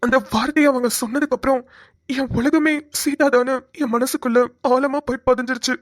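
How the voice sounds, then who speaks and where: A woman voicing a timid, lovesick young man in a cartoon, talking softly and hesitantly. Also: high-pitched, fairly even intonation, brisk, no echo, studio quality. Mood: wistful. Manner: soft, hesitant, pleading. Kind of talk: cartoon voice acting.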